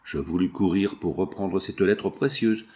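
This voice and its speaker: A man's voice: deep voice, measured pace, darkish tone. A man reading the part of an anguished young widowed mother, pleading and emotional.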